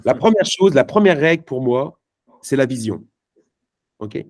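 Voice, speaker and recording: Animated but unhurried, a man with a medium-pitched voice gives a live motivational talk to a network marketing crowd. His style is punchy, emphatic, and casual, full of slang, fillers, and restarts.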